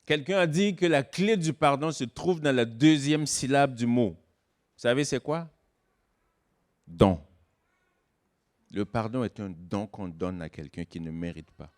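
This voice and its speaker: Pastor guy preaching, mid pitch, gets loud then drops real quiet, drags out the big words. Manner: swings between loud emphatic stresses and hushed low asides; slows down to stress key words. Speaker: guest pastor. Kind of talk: sermon.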